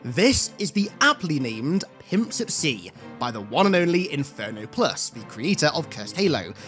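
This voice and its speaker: An enthusiastic gaming host reads scripted commentary. The delivery is animated and emphatic, fond of hyperbole, with faint music underneath. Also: medium pitch, normal speed. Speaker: video host and game reviewer.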